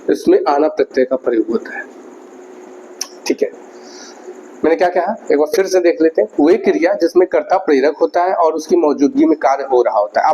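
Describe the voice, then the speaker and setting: A man's voice: fairly high pitch, mellow. A man giving a grammar lesson, often repeating key words and putting questions to his students. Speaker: teacher. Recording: dull lo-fi recording with faint noise.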